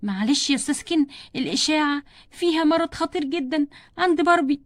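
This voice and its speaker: A woman voicing a hesitant female doctor with an Egyptian accent, halting and soothing as she breaks bad news. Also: high voice, animated, dry recording. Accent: Egyptian Arabic. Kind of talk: doll play storytelling.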